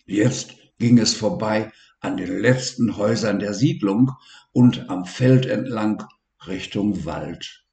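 A male narrator reading a children's story slowly and deliberately. His voice is low and gravelly, and the room adds a clear echo. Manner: slow, calm and deliberate.

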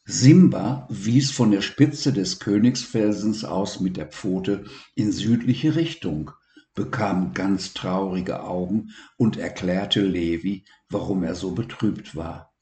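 A man calmly reading a children's story aloud as narrator. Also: low-pitched, echoey room. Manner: slow, calm and deliberate.

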